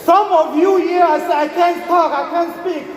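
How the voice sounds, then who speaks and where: A man's voice: very high voice, fairly even intonation, moderate pace. A man who grew up in Germany delivering an emphatic motivational speech on stage, firing rhetorical questions at the crowd. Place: large event hall stage. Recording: echoey event hall, audience noise.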